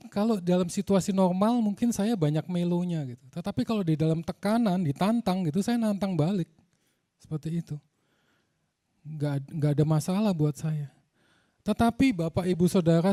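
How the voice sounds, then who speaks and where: A man's voice: high-pitched, warm tone. A man from Indonesia, preaching a conversational storytelling sermon to a congregation, peppering his talk with casual fillers. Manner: conversational, addresses the congregation, frequent filler "gitu".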